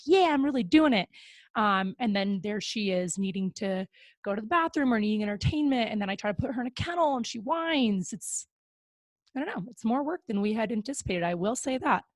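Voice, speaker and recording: Young woman host, bubbly casual talker, slightly high pitch, dry close-miked sound. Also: no echo. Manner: upbeat and chatty, with frequent fillers. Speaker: podcast host. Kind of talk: casual podcast chat. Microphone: close podcast mic.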